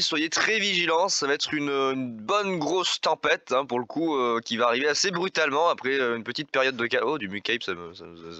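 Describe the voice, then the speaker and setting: Excitable man with a bright, dry voice. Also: mid-range voice, no room sound. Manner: excitable, dramatic, blunt. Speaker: weather vlogger. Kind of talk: casual weather commentary over maps.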